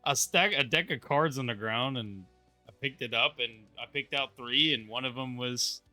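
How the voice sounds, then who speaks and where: A man's voice: mid-range voice, normal speed, sharp tone, no echo, faint music behind. A man playing a tabletop game, describing his character's actions in an easygoing, laughing way. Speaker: player. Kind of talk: casual tabletop game play.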